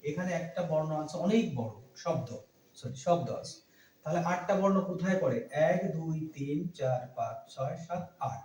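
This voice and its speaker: A man teaching Sanskrit verse pronunciation, slowly breaking words into letters and chanting the lines. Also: a little high, animated, a little mellow. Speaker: Gita recitation teacher. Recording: roomy echo, mic far off.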